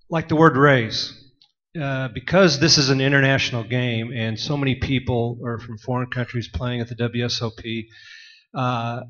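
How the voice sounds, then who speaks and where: A man's voice: medium pitch, fairly bright tone, big-room sound. A man from the audience speaking up at a conference, chatty and rambling with lots of "uh" fillers. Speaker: audience member, poker magazine writer. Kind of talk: question from the floor at a conference. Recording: dull lo-fi conference audio.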